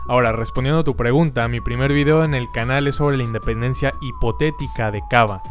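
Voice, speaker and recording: A man, host of a history channel, calmly answering viewer questions in scripted narration. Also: medium pitch. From Mexico and Argentina.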